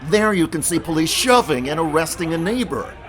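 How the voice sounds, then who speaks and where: A man's voice: fairly high pitch, lively intonation, brisk, fairly bright tone. A man hosting a scripted political news commentary with an emphatic, punchy delivery.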